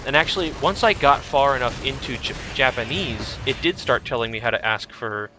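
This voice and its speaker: A man's voice: mid-range voice, lively intonation, brisk, background noise. A young man streaming a video game, chatting in a rambling, easygoing way with lots of restarts. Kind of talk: casual chat while streaming a game.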